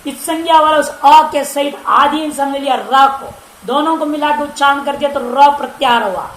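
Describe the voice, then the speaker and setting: A woman's voice: high voice, moderate pace, a bit bright. A woman teacher giving a grammar lecture, asking the class questions and answering them herself. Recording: roomy echo with faint background hiss.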